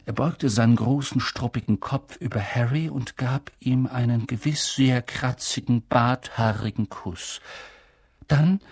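A man reads a storybook aloud in a slow, even manner. His voice is gravelly and husky. The recording is close and completely dry. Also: medium pitch, no room sound. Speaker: narrator. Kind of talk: audiobook narration.

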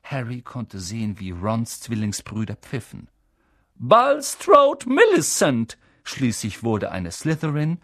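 Slow, calm man reading a story. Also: fairly low pitch, no room sound, studio quality. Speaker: narrator. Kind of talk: audiobook reading.

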